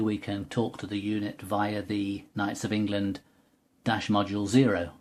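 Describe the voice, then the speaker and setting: A product demonstrator with a fairly low voice talks through a technical tutorial. Unscripted and methodical, he takes the listener through the product one step at a time, like an explainer.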